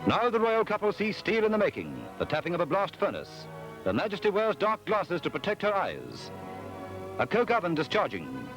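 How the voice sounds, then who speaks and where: A man's voice: high voice, wildly swooping pitch, normal speed, poor audio. A man narrating an old newsreel in a stately, formal announcer's delivery. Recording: old newsreel soundtrack with loud music.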